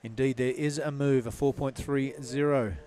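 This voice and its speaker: A man's voice: medium pitch, steady tone, moderate pace, mellow. A man giving live surf contest commentary in a laid-back, casual surfer announcer manner.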